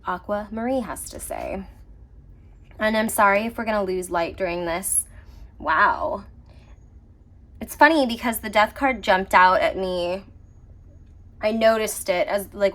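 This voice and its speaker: A woman giving a casual, personal tarot reading on camera, reflective and quick to laugh, trailing off and restarting as she talks. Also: mid-range voice, a bit bright. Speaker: tarot reader.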